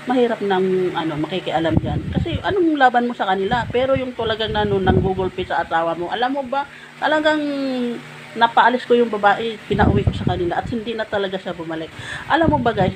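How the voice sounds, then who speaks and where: A woman vlogger casually telling a personal story to her viewers, chatty and full of fillers. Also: mid-range voice. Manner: chatty, addresses viewers as guys, many fillers like ano. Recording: noisy background.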